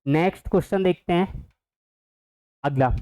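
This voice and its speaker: A man's voice: sits high, normal speed, darkish tone, poor audio. A man teaching an exam-prep math lesson, who keeps asking the viewers questions and then answers them himself.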